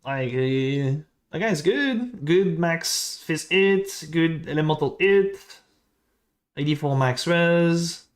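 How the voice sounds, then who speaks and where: A man with a French accent talks casually while he streams a game. He thinks out loud, mutters half to himself and breaks off to answer his chat. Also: fairly high pitch, animated, slow.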